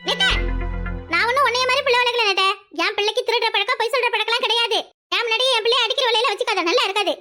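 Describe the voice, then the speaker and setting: A fierce, protective cartoon mother, played by a woman, scolding in a very high, bright voice. She snaps her lines. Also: racing, faint music behind. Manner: sharp scolding.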